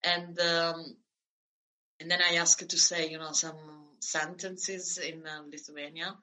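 An Italian-born woman in her thirties talks slowly and hesitantly, full of fillers and restarts. Her voice sits a little low but sounds bright and forward. She is a guest in an easygoing interview. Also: little pitch movement, poor audio. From Italy. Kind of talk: conversational interview.

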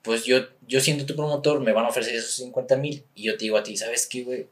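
A young man with a Mexican accent, a boxer being interviewed, talking in a relaxed, rambling way with many fillers. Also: medium pitch, fast talker. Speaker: guest, professional boxer. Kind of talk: casual interview chat.

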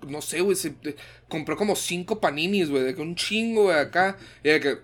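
A man's voice: fairly high pitch, fairly quick, a bit bright. A young man with a Mexican accent in casual chat, laid-back and slangy. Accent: Mexican Spanish.

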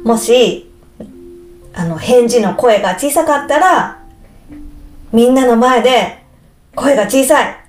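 Woman, slow careful explaining, higher voice, roomy echo, faint music behind. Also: expressive. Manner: slow, clear, explaining simply with repetitions. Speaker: Japanese teacher for learners. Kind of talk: slow explanatory podcast talk.

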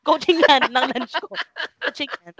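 A Filipino woman in her twenties co-hosting a podcast, telling work stories in animated casual chat and acting out quoted dialogue. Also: high voice, measured pace, no room sound, poor audio. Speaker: podcast co-host.

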